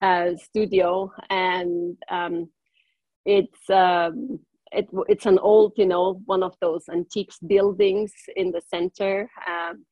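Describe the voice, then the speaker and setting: A woman from northern Italy speaks German natively and has a German accent. She's a guest in a casual interview, hesitant and full of ums, laughing between lines. Her voice is lowish, with little pitch movement and a slow pace, and the audio is dull with no echo.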